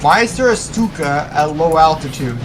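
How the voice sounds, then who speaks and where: A man's voice: a little high, expressive, normal speed, over music. A man giving live video game commentary as a streamer, talking to himself and slipping into pilot radio jargon.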